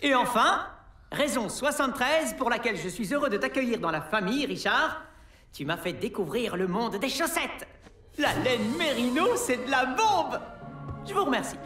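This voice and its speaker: A man voicing a wordy, earnest teenage big brother in an animated series dub, giving a long-winded speech. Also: extremely high pitch, a little fast. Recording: roomy echo. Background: music.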